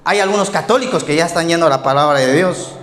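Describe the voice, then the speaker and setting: Un pastor que predica un sermón contando anécdotas, hace preguntas a la congregación y se ríe de sus propios chistes. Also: male voice, on the high side, fast talker, a bit bright. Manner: storytelling, asks the congregation questions, laughs at his own jokes. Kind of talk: sermon. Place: church hall. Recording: echoey church hall with faint music.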